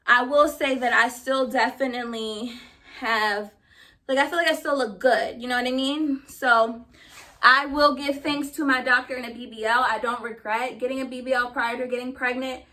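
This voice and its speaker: A woman's voice: high-pitched, fairly even intonation, normal speed, pushed and bright. A woman chatting casually to her viewers in an emphatic, sassy, slangy way, a little short of breath. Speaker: vlogger.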